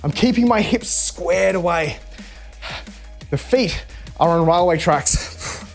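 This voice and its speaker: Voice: medium pitch, expressive, takes it slowly, gravelly, faint music behind. An instructor coaching a live home workout, chatty and encouraging while demonstrating the moves. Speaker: fitness instructor.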